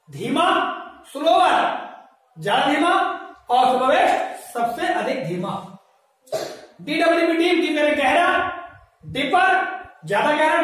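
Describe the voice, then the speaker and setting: Woman teacher, high voice, patient and step-by-step, recorded from a distance in an echoey room. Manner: patient, spells words letter by letter, checks understanding often. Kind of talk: classroom lesson. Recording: echoey room, mic far off.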